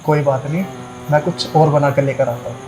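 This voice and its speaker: A man plays a gentle, eager-to-please house helper with a slightly high voice. He speaks politely and soothingly, with faint music behind him. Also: steady tone, brisk, lightly acted.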